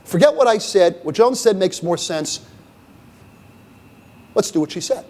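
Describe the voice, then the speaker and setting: Unhurried and expressive, a middle-aged guest speaker with a high, darkish voice discusses leadership at a university symposium, his words trailing into long reverb. He keeps a conversational tone, checks in with "okay?" and "right?", and asks rhetorical questions.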